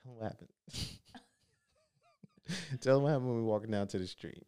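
A man's voice: mid-range voice, expressive, dark tone, smooth, no echo, clean studio sound. A man in his thirties, a father chatting casually with his wife, telling a trip story in a laid-back way that draws out his words. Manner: laid-back, laughing, slow emphatic storytelling. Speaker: co-host, husband and father. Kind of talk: casual chat.

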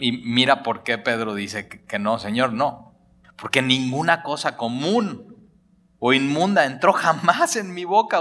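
A man preaching a lively sermon, acting out dialogue in colloquial speech. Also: mid-range voice. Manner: animated, acts out dialogue, colloquial Mexican slang.

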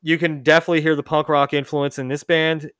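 Speaking fast in a fairly high, level and slightly bright voice, a man hosts a casual music podcast. He rambles, restarts a lot and corrects himself mid-sentence, recorded in studio quality with no room sound.

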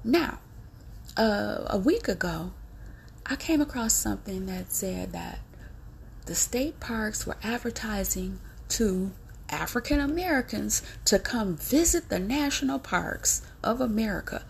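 A woman's voice: medium pitch, lively intonation, a little slow, vocal fry, slight background noise. A woman, a vlogger giving emphatic, preachy warnings to her viewers and repeating her points. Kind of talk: emphatic direct-to-camera warning.

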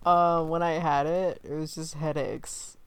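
A woman's voice: deep voice, fairly even intonation, measured pace, clean tone. An American woman co-hosting a podcast, joking in a laid-back casual chat. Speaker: podcast co-host.

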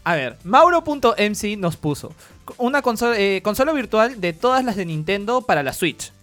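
Dude reading out viewer questions, lots of ehs, some faint music under it. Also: male voice, high-pitched, sing-song, moderate pace, fairly bright tone. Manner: reads out names and questions, hesitant fillers. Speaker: co-host reading audience questions. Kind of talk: casual show hosting.

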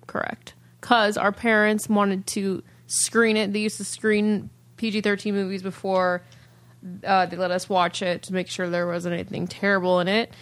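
A woman's voice: mid-range voice, level tone, moderate pace, dry recording. Teasing, blunt woman podcast co-host. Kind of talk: casual chat.

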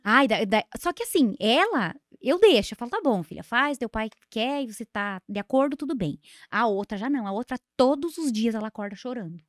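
Quick-talking woman telling stories. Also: on the high side, dry recording, studio quality. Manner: animated storytelling, acting out family dialogue with laughs. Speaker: podcast guest, comedian. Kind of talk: casual chat.

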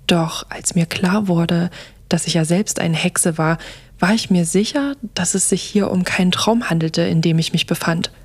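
Soft-spoken young woman telling a story. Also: lowish voice, normal speed. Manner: soft, often slipping into a hushed whisper. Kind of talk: first-person audio story narration.

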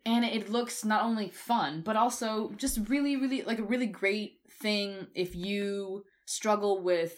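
A woman co-hosting a podcast, talking in a relaxed, rambling way with plenty of fillers. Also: medium pitch, unhurried, hardly any pauses. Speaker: podcast co-host. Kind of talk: casual chat.

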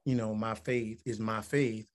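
A man's voice: lowish voice, level tone, a little slow. A man in his forties from Alabama, a musician and motivational speaker, answering interview questions in an earnest, reflective way that builds to emphatic points. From Alabama, United States. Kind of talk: interview conversation.

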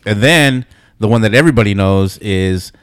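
A man's voice: on the low side, normal speed, clean tone, no room sound. Easygoing man in his forties. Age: 40s. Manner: rambling, easygoing reminiscing. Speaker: podcast host. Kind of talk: casual podcast chat.

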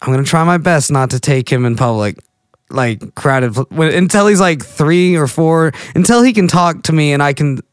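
Speaking at a moderate pace, this late-twenties man from Texas wanders through a goofy, rambling monologue and keeps interrupting himself. His voice is smooth, clean and rather high for a male speaker. It's captured close up in a dry recording with no room sound.

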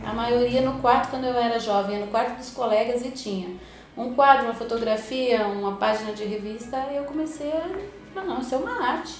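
A woman's voice: fairly high pitch, brisk. A woman, a guest in a casual discussion, listing examples in short phrases. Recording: very echoey room.

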